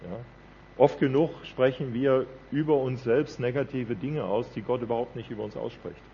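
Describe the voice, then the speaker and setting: A man's voice: medium pitch, fairly even intonation, moderate pace, highs cut off, a little hiss or hum. A man preaching a sermon in an earnest, conversational way, often checking in with a "ja?".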